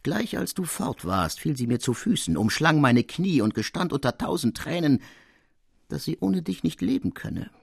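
A man's voice: a little high, big pitch swings, normal speed, vocal fry, breathy edge, voice pushed up, exaggerated voice. A man voicing a cunning, menacing older goldsmith in a storybook reading, coaxing and threatening by turns.

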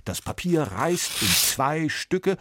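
A man narrating a scripted story in a calm, measured reading voice. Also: a little high, heavy background noise.

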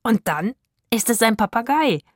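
A woman's voice: fairly high pitch, animated, moderate pace, no room sound, pitched above the performer's own voice. Brief: storybook boy, thoughtful, dry close voice, read by a woman narrator. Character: young boy stowaway, thoughtful. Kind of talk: audiobook narration.

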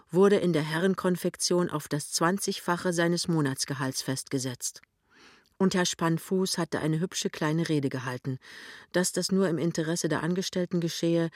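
A man reading a German novel aloud in a measured, even narration. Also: fairly high pitch, dry recording, clean studio sound. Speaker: audiobook reader. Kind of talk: literary reading.

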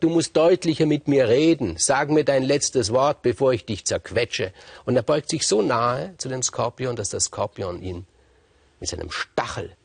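A man retelling a Greek myth in a lively, conversational way with emphatic asides. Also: lowish voice, creaky, husky, no room sound. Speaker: storyteller. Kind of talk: freely told myth narration.

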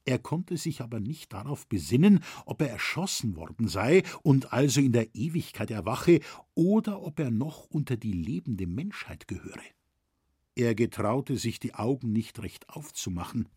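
Man narrating an audiobook, husky voice, lively pitch, dry close sound. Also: moderate pace, dry recording. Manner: expressive storytelling. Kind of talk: reading a novel aloud.

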